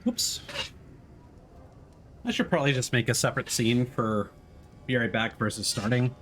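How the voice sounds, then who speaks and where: While playing a video game on a livestream, a man chats casually and warmly with his audience, naming chat viewers as he goes. His mid-range voice is expressive with a fairly bright tone, and he keeps a moderate pace over slight background noise.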